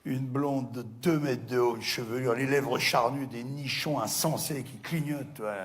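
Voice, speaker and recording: A man's voice: medium pitch, steady tone, normal speed, background noise. A man telling crude jokes on stage with punchy delivery, recorded with a long hall reverb. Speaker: stand-up comedian.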